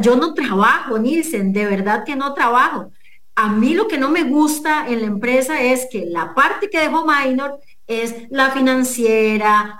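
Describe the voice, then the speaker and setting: A woman's voice: fairly high pitch, fairly bright tone, echoey room. A middle-aged woman, a coach and businesswoman, earnestly talking a listener through numbered questions as an interview guest. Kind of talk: motivational talk in an interview.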